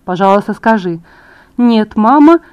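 A woman reading an audiobook, voicing a calm, menacing male villain who talks slowly and quietly. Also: mid-range voice, clean tone, lo-fi sound, close to an everyday voice. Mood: cold menace.

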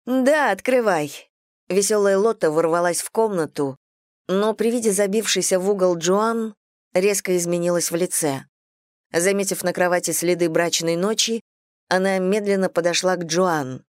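Brief: woman narrator, lower voice, calm audiobook read, dry close mic. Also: normal speed, no room sound. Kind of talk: scripted narration.

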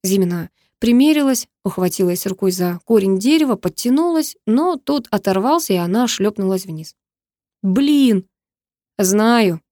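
A woman reading a first-person story aloud in an even storytelling manner. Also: medium pitch, moderate pace, hardly any pauses, no room sound, studio quality. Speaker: audiobook reader.

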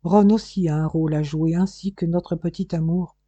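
A man's voice: a little high, steady tone, moderate pace, dark tone, no echo, natural voice. A man voicing a loving woman saying farewell in an audiobook, tender and reassuring.

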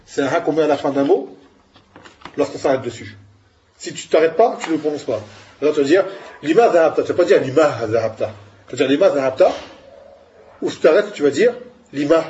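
A man's voice: a little high, fast, mellow, dull audio, a little hiss or hum. A man giving an Arabic grammar lesson, explaining patiently and asking his students questions. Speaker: Arabic teacher.

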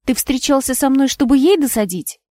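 A woman's voice: sits high, lively intonation, a little fast, mellow, no echo, clean studio sound, voice pushed up. Tearful hurt young woman, as a reader plays her. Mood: hurt, pleading. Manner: emotional, pleading questions.

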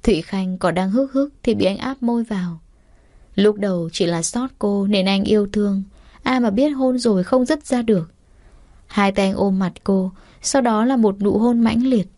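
A woman narrating a romance story aloud in an even, steady reading voice. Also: medium pitch, normal speed, no echo, clean studio sound.

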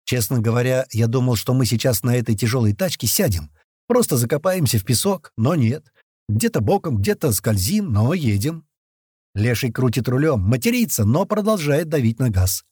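A man narrating a first-person action audiobook, acting out the crew's shouted lines as he reads. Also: mid-range voice, normal speed, husky, no echo, studio quality. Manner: lively, voices the gang's shouts in character.

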